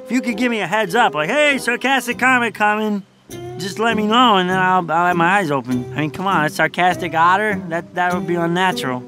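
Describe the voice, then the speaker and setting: A man voicing a slow, easygoing male otter in a cartoon, with a folksy drawl and an earnest, long-winded way of talking. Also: sits high, natural voice. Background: cartoon music.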